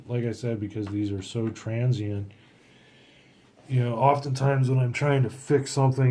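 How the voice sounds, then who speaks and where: A man's voice: mid-range voice, mellow, slight background noise. A man casually talking through his watercolor technique as he paints, thinking aloud and often trailing off. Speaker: watercolor artist.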